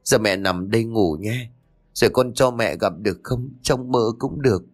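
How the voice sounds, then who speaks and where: A man's voice: on the low side, moderate pace, soft background music, lightly acted. A man voicing a grieving middle-aged mother who pleads tremulously for her dead daughter. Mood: tender.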